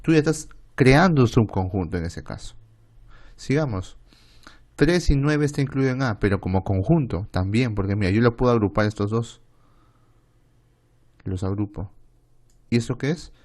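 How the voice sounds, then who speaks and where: A man's voice: mid-range voice, animated, normal speed, long pauses, a little mellow. A man with a Peruvian Spanish accent tutoring math online, explaining step by step and often checking with "¿está bien?". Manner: voices students' questions himself.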